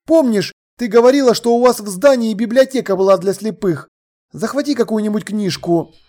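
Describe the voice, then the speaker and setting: An audiobook reader voicing a flustered young man in trouble, defensive and hurried. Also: medium pitch, dark tone, lightly acted. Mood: urgent. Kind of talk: audiobook dialogue.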